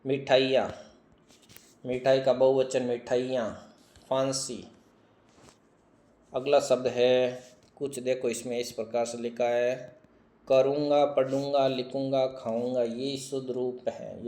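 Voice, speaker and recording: A man teaching Hindi spelling, reading word after word slowly, repeating each one and asking questions he answers himself. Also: mid-range voice, level tone, dark tone, echoey room. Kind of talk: online exam-prep lesson.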